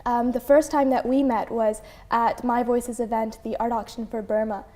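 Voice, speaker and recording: Soft-voiced young woman hosting an interview. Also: on the high side, fairly even intonation, normal speed. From Canada. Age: young adult. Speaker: host.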